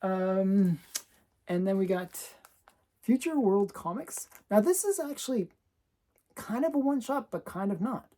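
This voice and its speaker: A woman's voice: medium pitch, expressive, a little slow, mellow. A woman comic collector chatting casually as she shows her collection, laughing often between remarks. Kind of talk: casual show-and-tell chat.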